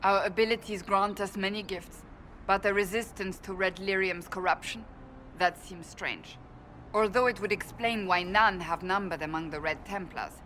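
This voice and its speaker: A woman's voice: mid-range voice, moderate pace, a bit bright, a little hiss or hum, close to an everyday voice. An actress playing a devout, proud woman warrior who speaks firmly and formally. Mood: resolute. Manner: firm, formal, resolute. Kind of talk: video game voice acting.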